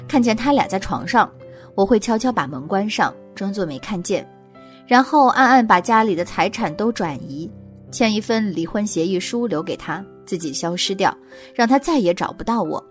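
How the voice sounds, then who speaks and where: A woman voicing a young woman who talks earnestly in first person about her parents' divorce, with soft music behind. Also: mid-range voice, lively intonation, normal speed, close to an everyday voice. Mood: defiant.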